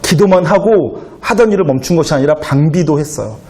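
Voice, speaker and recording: A man's voice: fairly high pitch, expressive, a little fast, a little mellow. Man preaching in an echoey church. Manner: rhetorical questions to the congregation, acting out quoted speech. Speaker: pastor. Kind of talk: sermon to a youth congregation. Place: church sanctuary. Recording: echoey church hall with faint ambience.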